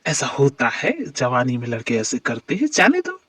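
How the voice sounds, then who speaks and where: A voice actor doing a grumpy old father-in-law who drawls his words slowly and fusses over his daughter. His mid-pitched voice sounds a bit off-mic but dry. It comes from an amateur fan dub drama. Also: wildly swooping pitch, fairly bright tone, no echo, distant mic. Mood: grumbling. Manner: slow, drawling, fond of "bitiya rani".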